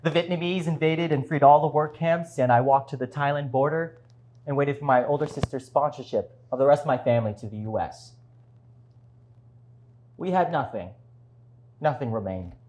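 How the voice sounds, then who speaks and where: A man playing both parts in a one-man show, here as a refugee father gravely recounting his survival in a measured stage monologue. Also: medium pitch, darkish tone, lightly acted. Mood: somber, reflective.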